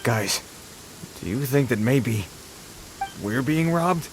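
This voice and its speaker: An actor playing a jittery, deferential bandit underling in a video game, hesitant and placating. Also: male voice, mid-range voice, expressive, takes it slowly, noisy background. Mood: nervous, puzzled.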